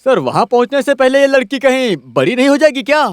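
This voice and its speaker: A man's voice: very high voice, sing-song, quick pace, clean tone, dry recording, clean studio sound. An actor dubbing a cheeky, teasing young male assistant in a film scene. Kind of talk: Hindi film dub.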